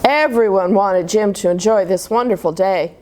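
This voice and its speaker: Reading a picture book to children, a woman with a medium-pitched voice keeps a moderate pace and breaks off now and then to talk to her young audience. She's a story time reader, and steady background noise is clearly noticeable.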